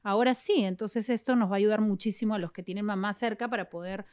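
A middle-aged woman, co-hosting a casual chat and steering the talk at a measured pace. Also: medium pitch, fairly even intonation, a little mellow, clean tone. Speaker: co-host.

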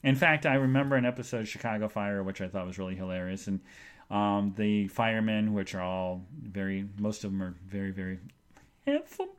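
A man hosting his own podcast, telling everyday stories in a rambling, jokey, animated way. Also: fairly low pitch, brisk, clean tone. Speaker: podcast host. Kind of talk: casual storytelling monologue.

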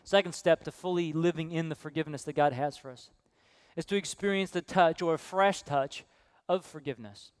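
Male pastor, sermon delivery, slightly high voice, smooth and close-miked. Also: a little fast, dry recording. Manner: earnest preaching, storytelling with hushed quoted voices. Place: church sanctuary.

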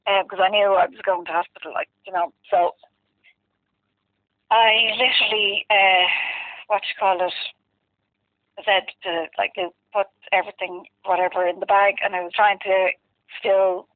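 A woman's voice: medium pitch, level tone, moderate pace, pauses often, no echo. A woman with a west of Ireland accent, telling a personal story casually and candidly in a rambling, conversational way full of filler phrases. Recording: muffled, dry phone-like line.

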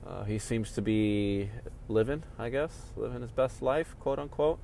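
Sleepy and laid-back, a man chats by himself about fight news from a home room with a sunny window, rambling and yawning as he goes. He's an MMA commentary vlogger with a warm, medium-pitched, unhurried voice and some vocal fry. Slight background noise is audible.

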